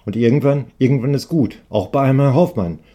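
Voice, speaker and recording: A man reading a comic story aloud in a dry, deadpan way. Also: mid-range voice, brisk. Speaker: narrator.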